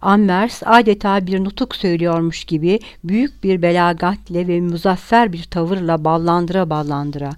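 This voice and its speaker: A woman reading a novel aloud as a steady, measured audiobook narration. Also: fairly low pitch, smooth, dry recording, studio quality. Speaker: audiobook reader.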